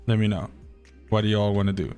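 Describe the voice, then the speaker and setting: A little fast and steady in tone, this man's lowish voice is warm, clear, and resonant, with soft background music underneath. The South African Afrikaans speaker is live-streaming a game, talking to his chat in a rambling way and swearing freely.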